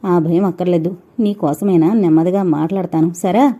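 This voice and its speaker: Woman doing possessive young husband, coaxing, dark mellow tone, storybook reading. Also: on the low side, fairly even intonation, normal speed, natural voice. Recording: dull lo-fi recording.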